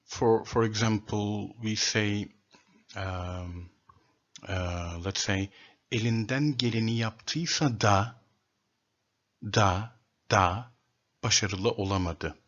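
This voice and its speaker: A man delivers a solo lecture in a low, slightly husky voice. He speaks very slowly and deliberately, setting out word after word. The recording sounds dull and lo-fi. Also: a bit bright. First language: Turkish. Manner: slow, deliberate, lists words one by one. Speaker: presenter of a language theory.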